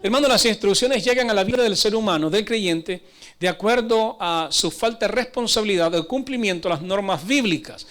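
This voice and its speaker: A preacher with a notably high voice delivering an emphatic sermon. He exhorts his listeners and keeps checking in with them through questions. His delivery shifts between urgent stretches and slower, quieter passages.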